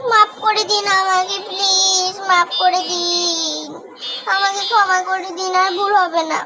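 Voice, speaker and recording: A woman's voice: very high-pitched, steady tone, a little slow. A woman doing a sleepy, pleading shop girl. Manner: drowsy, pleading apologies. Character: sleepy, apologetic young female shop assistant. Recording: loud background noise.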